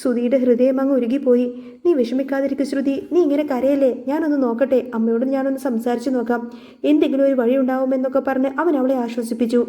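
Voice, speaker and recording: A woman narrating a storybook-style recap of a serial episode, rushing through it with occasional self-corrections. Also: high voice, mellow.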